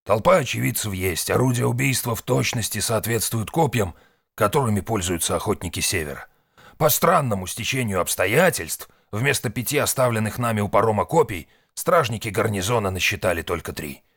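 Weary old fixer, grim and curt, low voice, male narrator. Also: animated, brisk, creaky, a bit bright, breathy edge, dry recording, studio quality, heavily acted.

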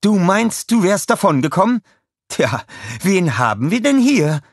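Narrator putting on a gloating storybook villainess, high pitched, slow cruel taunts, dry sound. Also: male voice, very animated, dry recording, exaggerated voice. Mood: taunting. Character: scheming villainess, theatrical and cruel.

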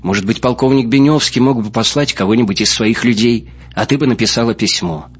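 Guy reading eager young scottish guy, pleading, husky voice, muffled sound. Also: mid-range voice, brisk, pitched above the performer's own voice, lightly acted. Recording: muffled lo-fi recording.

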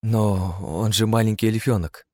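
A man voicing a kind-hearted young woman in a fantasy audiobook, speaking in a soft, pleading, reproachful way. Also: fairly low pitch, steady tone, measured pace, close to an everyday voice.

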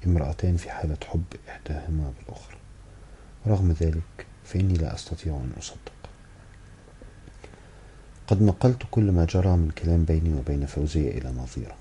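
Very deep-voiced male audiobook narrator. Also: a little hiss or hum. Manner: steady, brisk literary reading. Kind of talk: first-person novel narration.

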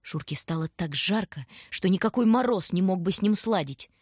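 A woman reading a story aloud in scripted, measured and dramatic narration. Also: medium pitch, lively intonation, no room sound, studio quality. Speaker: audiobook reader.

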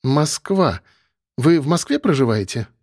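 A male narrator voicing a stern, sarcastic woman police major who talks in brisk, commanding questions. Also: on the high side, big pitch swings, darkish tone, no room sound, clean studio sound, full character voice.

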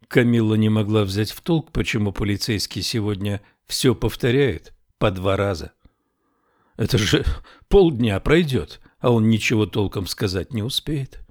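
A man reads a novel aloud with measured, expressive storytelling. His voice sits a little low, recorded close and dry with no room sound. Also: dry recording. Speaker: audiobook narrator. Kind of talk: scripted narration.

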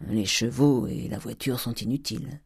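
A man voicing a stingy, gruff old provincial miser who talks bluntly and hums over his words. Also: mid-range voice, no echo, clean studio sound. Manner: blunt, grumbling, drawn-out hums.

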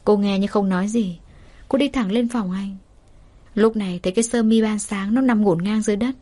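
A woman reading a romance novel aloud as an audiobook narrator, in a steady, even storytelling manner. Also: medium pitch, fairly quick.

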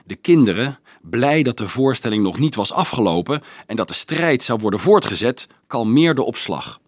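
A man's voice: mid-range voice, sing-song, normal speed, no echo, studio quality. Man reading a story expressively. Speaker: audiobook narrator. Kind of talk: scripted narration.

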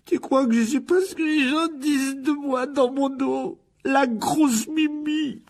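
Weepy teen girl ghost, read by a man: very high, drawn-out sobbing lines. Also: steady tone. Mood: tearful. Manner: tearful, wailing, slow. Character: sobbing, self-pitying teenage girl ghost.

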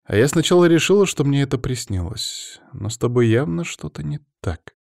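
A man reading an audiobook, voicing a caring, teasing woman who speaks softly and tenderly to her partner. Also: medium pitch, lively intonation, normal speed, vocal fry, no room sound, clean studio sound, voice pushed up. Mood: worried.

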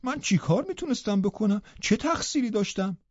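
A man doing shy, halting young Hareton. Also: sits high, lively intonation, dry recording, lo-fi sound. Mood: defensive. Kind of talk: audiobook character voice.

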